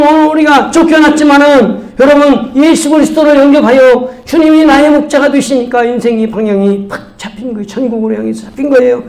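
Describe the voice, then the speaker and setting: A man's voice: very high-pitched, a little mellow, low-quality recording. A male pastor preaching a sermon with fervent exhortation.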